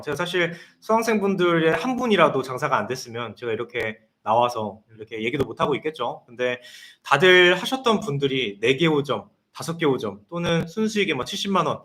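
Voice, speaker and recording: A man's voice: a little high, a bit bright. A man in his thirties, a consultant answering viewer questions on a live stream in an explanatory way. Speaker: guest consultant.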